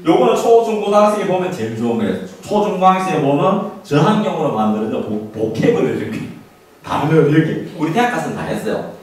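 A middle-aged man lectures parents informally and emphatically, often posing rhetorical questions. His voice is a little high and a little mellow, with big pitch swings and a quick pace. In the small classroom he holds a handheld mic, but a camera some distance away does the recording, capturing echo and background noise.

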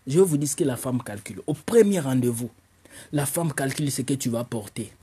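A man's voice: mid-range voice, lively intonation, brisk, warm tone, husky. A man performing a stand-up comedy monologue, mocking and teasing his audience.

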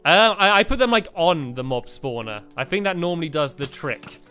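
A man's voice: on the high side, sing-song, moderate pace, sharp tone, clear, resonant tone, faint music behind. A man giving chatty, casual game commentary, laughing often and restarting his sentences. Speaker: game channel host.

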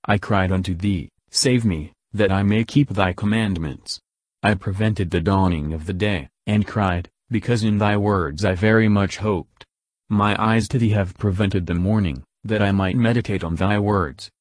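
A man reading the Psalms aloud in a measured, solemn, verse-by-verse delivery. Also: lowish voice, no room sound. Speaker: scripture reader.

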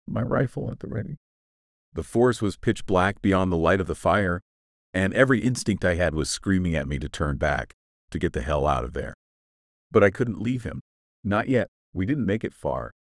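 Deep-voiced man narrating a horror tale. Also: lively intonation, moderate pace, vocal fry, no echo, clean studio sound. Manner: grave, suspenseful storytelling. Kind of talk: scripted first-person horror narration.

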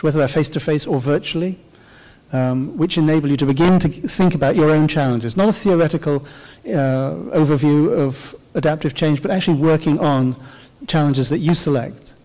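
On a large, dark auditorium stage, a middle-aged man delivers a conference keynote into a handheld mic, his words echoing through the big hall. His tone is warm and mellow, his pitch on the high side, and he explains things at a measured pace with the occasional "uh" pause.

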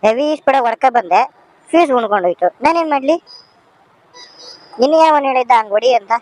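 A man's voice: very high-pitched, expressive, fast, pitched above the performer's own voice, low-quality recording. A man voicing a cheeky talking motorbike that scolds its rider in a comic motovlog sketch. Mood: scolding. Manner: bossy, scolding, talks back.

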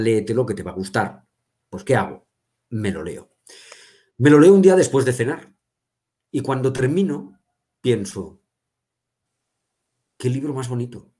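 A man's voice: medium pitch, a little mellow. A man hosting a casual talk as a bookseller, telling anecdotes in a chatty way with frequent stammers and repeated words. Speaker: bookseller and host. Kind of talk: casual conversation.

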